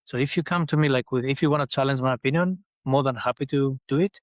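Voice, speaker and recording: Speaking quickly with medium pitch and no echo, a middle-aged man from Greece, an engineering leader, appears as a guest in a podcast conversation, thoughtful in tone and frequently restarting his sentences.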